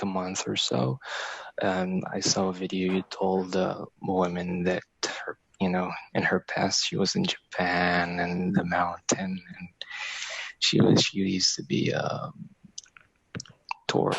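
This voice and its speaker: A man from Algeria calls in to a show, talking in a rush of halting, excited phrases. His voice is very low, gravelly and husky. The call audio is dry and dull. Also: dry recording. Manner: excited, halting, many fillers. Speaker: caller. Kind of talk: call-in conversation.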